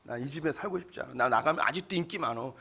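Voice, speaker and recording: A man's voice: mid-range voice, lively intonation, fast talker, creaky, pushed and bright, husky, heavily acted. A male pastor voicing a boastful unfaithful wife who taunts her husband. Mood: boastful scorn. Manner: bragging, taunting.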